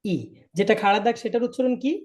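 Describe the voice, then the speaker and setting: A man's voice: high-pitched, quick pace, darkish tone. A man teaching a live online language class, patiently repeating each point and checking that students follow. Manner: patient, drills by repetition and checks understanding.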